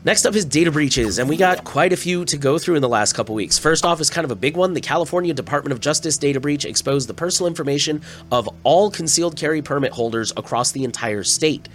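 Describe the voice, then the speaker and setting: Talking fast with few pauses, this male podcast host reads news stories in a slightly high voice with lively intonation. A cold has made him a bit scratchy and stuffy-nosed. His manner is plain and conversational, with casual asides.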